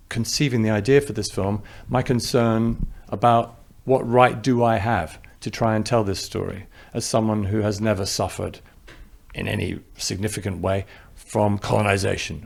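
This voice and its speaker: A film director from New Zealand, speaking with an English accent, answers interview questions reflectively, thinking aloud and restarting his sentences. His voice is medium-pitched and creaky.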